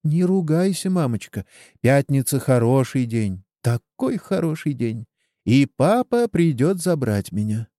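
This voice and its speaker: A man voicing a small sick boy who pleads in a high, childlike way. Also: very animated, a little slow, warm tone, no room sound, studio quality. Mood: feverish, weak. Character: small sick boy longing for his father.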